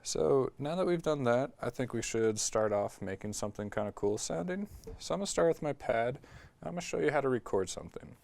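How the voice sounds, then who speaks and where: A gravelly, medium-pitched man talks a little fast as he casually guides listeners through music production in his studio, using a talkback mic. Frequent "like" and "um" fillers mark his relaxed delivery.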